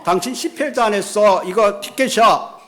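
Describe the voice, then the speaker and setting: A man's voice: high voice, moderate pace, sharp tone, pitched above the performer's own voice. Man doing stern traffic cop, questioning, firm, sermon joke. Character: stern male traffic police officer.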